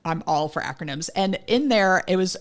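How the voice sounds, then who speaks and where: A woman hosting a casual interview, chatty and quick to laugh. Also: on the low side, expressive. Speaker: podcast host.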